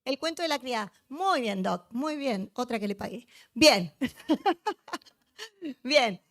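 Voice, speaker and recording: A woman's voice: fairly high pitch, lively intonation, unhurried, fairly bright tone, no echo. A woman giving a joking, chatty conference lecture, teasing her live audience. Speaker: conference speaker.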